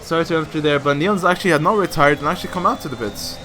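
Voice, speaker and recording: A man commentating a sim racing league race, excitable and full of fillers. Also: on the high side, very fast, background noise.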